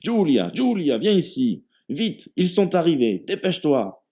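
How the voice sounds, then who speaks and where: Man doing a booming jovial Italian host. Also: normal speed, natural voice. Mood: bellowing. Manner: loud, hammering the words. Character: boisterous hearty older Italian man host.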